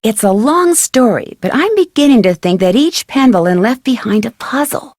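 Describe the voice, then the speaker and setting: A young adult woman with an American accent plays a curious young detective in video game dialogue, framed as a conversational phone chat. Her voice is fairly high and darkish, with lively intonation at a normal pace, and she sounds earnest, matter-of-fact and intrigued. The clean studio recording has no room sound.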